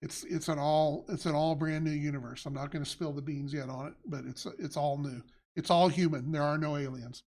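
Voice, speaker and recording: A man's voice: fairly high pitch, fairly even intonation, fairly quick, darkish tone. Rambling man hosting a casual live show. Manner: rambling, lots of restarts and fillers. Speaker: game company head and show host. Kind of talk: casual livestream chat.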